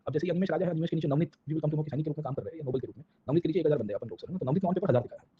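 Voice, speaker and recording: His voice a little high, an Indian-accented history teacher speaks rapid-fire through an informal lecture that blends Hindi and English. He keeps dropping in tag words and questions to check on listeners, recorded in dull lo-fi sound with slight background noise.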